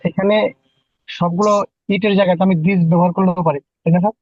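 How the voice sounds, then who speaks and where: A man's voice: sits high, fairly even intonation, quick pace, no room sound, highs cut off. A man in an online class politely asking the teacher a question as a student. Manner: polite, inquiring.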